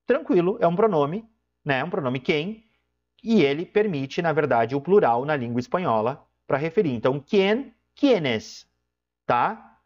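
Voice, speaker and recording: A man explains exam questions like a teacher, checking in with short asides. His voice sits fairly high and moves a lot. The recording sounds dull and lo-fi. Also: expressive, moderate pace. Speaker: Spanish teacher. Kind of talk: exam question walkthrough lesson.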